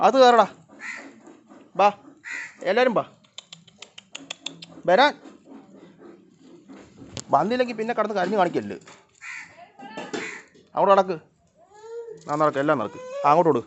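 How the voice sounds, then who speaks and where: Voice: medium pitch, expressive, measured pace, pauses often. A speaker, calling cats over to feed them in short coaxing and scolding bursts. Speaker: vlogger feeding cats. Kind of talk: casual talk to pets. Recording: dull lo-fi sound with faint noise. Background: cats meowing.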